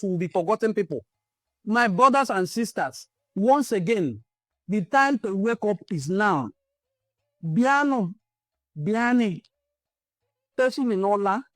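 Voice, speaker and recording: In clean studio sound with no echo, a woman's fairly high, slightly bright voice rings out. She's a Nigerian host of a cultural channel, and her passionate address keeps returning to the same rallying cries.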